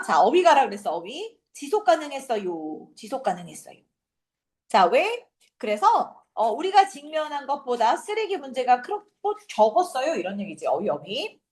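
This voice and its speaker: A woman gives an exam prep lecture on an English reading passage for a high school exam, explaining it casually in a sing-song way. She acts out quick asides and throws in rhetorical questions.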